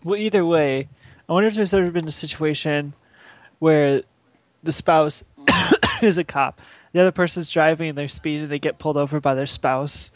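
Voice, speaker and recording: A man chatting casually on a podcast, laughing often and talking haltingly with lots of fillers. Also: a little high, no echo. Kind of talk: casual chat.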